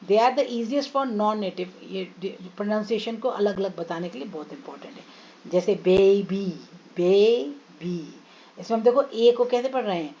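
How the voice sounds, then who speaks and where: During an online phonics lesson, a woman with an Indian English accent sounds out words one by one in a slow, drawn-out teaching voice, mixing Hindi with English and calling her students children. Her voice is medium-pitched and dark, and the recording is muffled.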